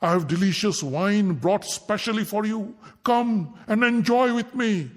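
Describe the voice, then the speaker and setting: A man voicing a lustful, gloating male general in a storybook tale, with leering, drawn-out sweet talk, heard with a long echo from farther off the mic. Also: high voice, voice pushed up.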